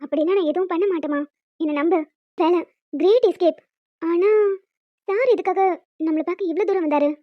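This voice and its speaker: A woman voicing several emotional village women and a young daughter in a cartoon, fast and dramatic, scolding and tearful. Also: extremely high pitch, no room sound. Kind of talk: cartoon voice acting. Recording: dull, dry lo-fi recording.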